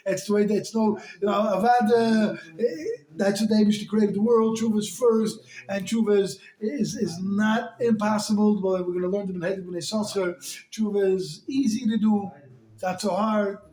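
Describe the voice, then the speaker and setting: A high-pitched man teaching a Torah class, lively and animated as he talks. He folds Yiddish and Hebrew terms into his English. The room around him is roomy and echoey. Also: moderate pace. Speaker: rabbi.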